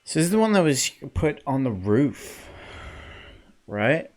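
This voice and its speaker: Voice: medium pitch, big pitch swings, unhurried, darkish tone. A player giving casual, irreverent reaction commentary over a game, full of wisecracks. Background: game music.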